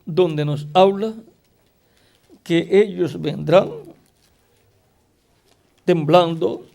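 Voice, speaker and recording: Male preacher, high gravelly voice, deliberate sermon pacing. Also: dark tone. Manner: slow, deliberate preaching with rhetorical questions to the congregation.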